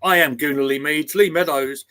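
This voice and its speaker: A man's voice: fairly high pitch, normal speed, sharp tone. A man with an Essex accent, hosting a casual football livestream chat. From Essex, England. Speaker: host.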